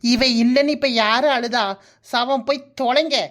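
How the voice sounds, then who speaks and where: A woman voicing a gruff, scornful older village relative in a cartoon, with a southern Tamil Nadu accent. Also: high voice, steady tone, moderate pace, voice pushed down, natural voice. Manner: sneering, insulting.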